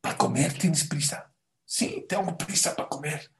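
A man giving a Torah lesson, swinging between loud outbursts and hushed asides and asking his listeners many rhetorical questions. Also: on the high side, animated, moderate pace. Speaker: rabbi teaching Torah.

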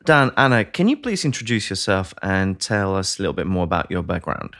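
Casting: male podcast host, low voice, dry close mic. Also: lively intonation, brisk, a bit bright, dry recording. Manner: polite, asks short questions with ums. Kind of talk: interview hosting.

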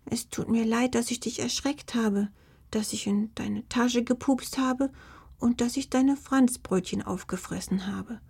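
A woman's voice: fairly high pitch, fairly even intonation, unhurried, gravelly, a little mellow, slightly rough, pitched above the performer's own voice, exaggerated voice. A woman voicing a small, cheeky female blue fox with a thin, piping little voice in a storybook. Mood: remorseful.

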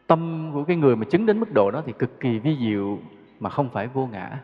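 Male Buddhist teacher, relaxed sermon full of questions; dull recording in a reverberant hall. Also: mid-range voice, brisk. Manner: conversational, rhetorical questions, chuckles. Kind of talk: dharma talk.

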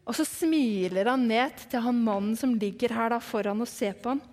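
High-voiced woman telling a story in a hall. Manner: lively, dramatic, hushed whispers for suspense. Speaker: children's Bible storyteller. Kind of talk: eyewitness storytelling to children. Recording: long hall reverb.

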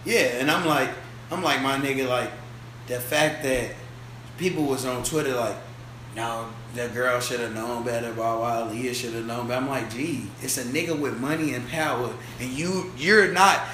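A man in his twenties chatting casually on a podcast, telling stories in a loud, animated, slangy and profane way. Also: medium pitch, normal speed. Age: 20s. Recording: echoey room with faint ambient noise.

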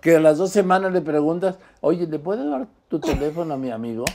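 Deep-voiced woman interviewer, blunt. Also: lively intonation, brisk, dark tone. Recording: noisy background.

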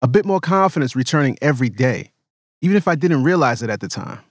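A man hosting his own podcast, narrating his reflections in a calm, measured way and interviewing family. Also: medium pitch, dry recording, clean studio sound. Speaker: podcast host.

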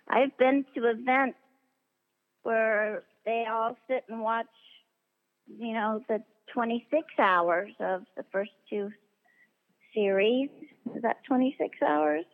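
A woman voice actress being interviewed, telling stories in a chatty, animated way and acting out the dialogue she quotes. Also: a little high. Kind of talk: casual interview anecdotes. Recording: tinny phone-line sound in a long reverb.

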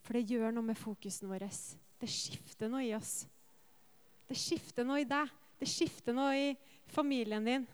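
A woman preaches with a smooth, clear voice set a little high. She is earnest, tells lively personal stories, and puts rhetorical questions to her congregation. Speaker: preacher and worship leader. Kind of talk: sermon.

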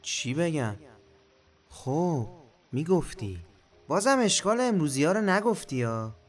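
A man's voice: a little high, big pitch swings, faint music behind. An actor playing a blunt, skeptical male companion who questions and teases in comic dialogue.

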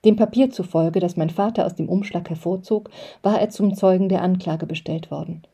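Give me a woman narrating an audiobook in a calm, measured way, with a dark mellow voice. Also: on the low side, slightly rough. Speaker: reader.

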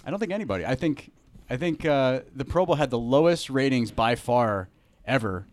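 A man's voice: mid-range voice, expressive, normal speed. A young adult man hosting a casual podcast chat, laughing often and swearing casually. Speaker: podcast host.

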